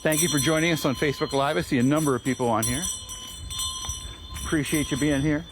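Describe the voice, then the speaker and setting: Out on a town street, an American man organizing a public reading runs an informal livestream, speaking to viewers and a small crowd earnestly and deliberately, like giving a speech. His voice is on the high side with fairly even intonation, and loud ambient noise and ringing bells fill the recording.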